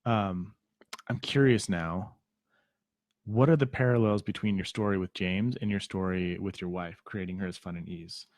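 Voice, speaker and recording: Man, podcast host, lowish voice, curious, probing questions, dry close sound. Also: steady tone, moderate pace, a little mellow, no echo. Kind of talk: interview questions.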